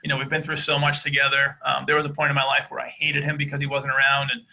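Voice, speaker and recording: Man from Boston, softened Boston accent, earnest storyteller, gravelly, very bright tone; podcast host in his 30s. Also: mid-range voice, completely flat delivery, fast talker, low-quality recording. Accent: Boston, softened by years in Georgia. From East Boston, Massachusetts. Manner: earnest, open, many fillers. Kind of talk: candid conversational interview.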